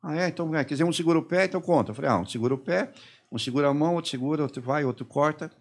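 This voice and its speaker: A middle-aged man from Brazil, a podcast guest, telling his story haltingly and quoting the people who questioned him. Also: a little high, husky. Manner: halting retelling, quoting his interrogators and himself. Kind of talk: personal testimony in a podcast interview.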